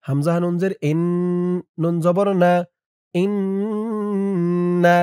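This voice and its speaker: A man teaching Quran reading, spelling each word out letter by letter and then reciting it in a slow, drawn-out melodic chant. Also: a little high, a little mellow, dry recording, clean studio sound. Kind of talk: spelling out and slowly reciting a short surah.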